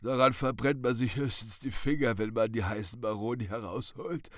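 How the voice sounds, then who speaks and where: A man's voice: mid-range voice, fairly even intonation, moderate pace, no echo, clean studio sound, lightly acted. A man reading aloud and voicing a small, wrinkled old chestnut seller with a stubborn cold, grumbling and hesitant. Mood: complaining. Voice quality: sniffly, sneezing.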